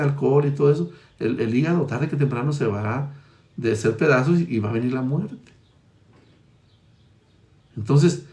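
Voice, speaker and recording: Emphatic male preacher in an echoey room. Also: medium pitch. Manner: emphatic, shifts between loud and quiet, reads Scripture aloud. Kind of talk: sermon.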